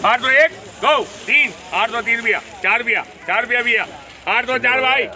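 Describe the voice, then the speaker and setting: A man calling an auction, shouting out short repeated numbers. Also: very high-pitched, moderate pace, slight background noise. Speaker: market auctioneer. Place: outdoor wholesale market. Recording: busy outdoor market with crowd.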